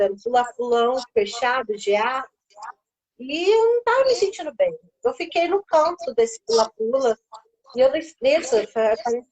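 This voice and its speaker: High-voiced Brazilian woman telling her story. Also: muffled recording. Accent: Brazilian Portuguese. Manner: storytelling, acting out quoted voices. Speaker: guest on a live stream. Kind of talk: personal faith testimony.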